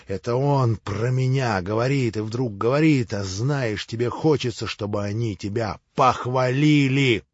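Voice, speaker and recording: A feverish, tormented young man, as a male audiobook reader puts him on, his agitated talk rising again and again into high, strained shouts. The recording is dull and lo-fi, with a dry, close sound and no room around it. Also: slightly rough, no room sound.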